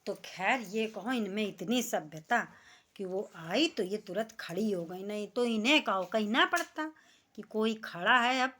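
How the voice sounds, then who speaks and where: A middle-aged woman spins a homely family story for her vlog, chatty and expressive, her voice sitting at an ordinary middle pitch for a woman. She talks the way she would to neighbours over tea. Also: a little slow. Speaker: vlogger. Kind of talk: casual storytelling.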